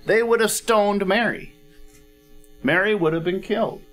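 A man's voice: high voice, measured pace, a bit bright, faint music behind. A middle-aged man preaching a sermon on a church stage, teaching in a conversational way and checking in with his listeners. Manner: conversational teaching, frequent "all right?" check-ins; clears throat now and then. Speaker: pastor. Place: church stage with a cozy fireplace set.

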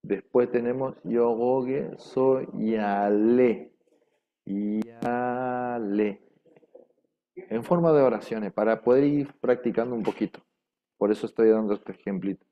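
A man teaching a language class, repeating words slowly and carefully and dictating them for students to write down. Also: medium pitch. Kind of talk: slow repetitive language class. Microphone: microphone. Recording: dull lo-fi room microphone.

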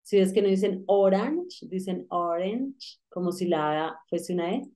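A woman teaching English in a relaxed lesson, repeating words and explaining pronunciation. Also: on the low side, a little fast. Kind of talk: casual online English lesson.

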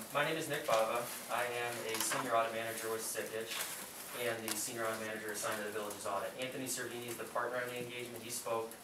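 A man giving a prepared presentation to a board as an auditor. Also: on the low side. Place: small indoor meeting room. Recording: echoey room, distant mic, background noise.

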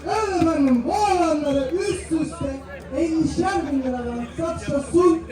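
A man's voice: extremely high pitch, normal speed. A man working as a livestock auctioneer, calling out bids and lot numbers in a repetitive chant with formal address to bidders. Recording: echoey PA from far off, faint crowd.

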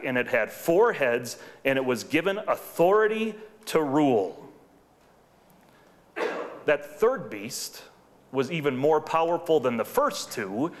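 Man preaching with dramatic pauses. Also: fairly high pitch. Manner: dramatic pauses, slows down for emphasis. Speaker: pastor. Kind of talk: sermon.

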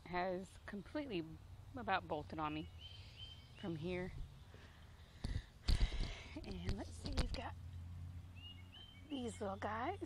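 A woman in her thirties, a gardening vlogger, gives a casual tour of her backyard vegetable garden while holding her phone at arm's length. Her mid-range voice is expressive, and she speaks slowly with frequent pauses. The outdoor phone recording is noisy.

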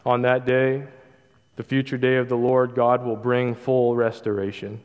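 Young man, pastor, earnest sermon, flat delivery, long hall reverb, muffled sound. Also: medium pitch, smooth. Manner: earnest, measured preaching with emphatic repetition. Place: church stage, large hall.

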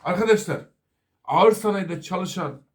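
A man's voice: sits high, lively intonation, unhurried, slight background noise. A middle-aged man, a master auto mechanic, giving an earnest safety talk to fellow workers and apprentices. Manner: earnest, advising, repeatedly addressing "arkadaşlar".

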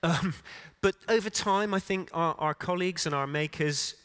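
A man's voice: a little high, moderate pace, fairly bright tone, smooth. A middle-aged man giving an unscripted keynote talk on a conference stage, with frequent restarts and fillers. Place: conference stage in a large hall.

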